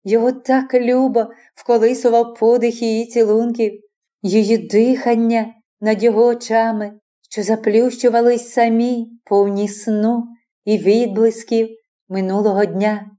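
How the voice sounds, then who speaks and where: A woman narrating a classic novel as an audiobook in a measured, expressive reading. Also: fairly high pitch. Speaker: audiobook reader.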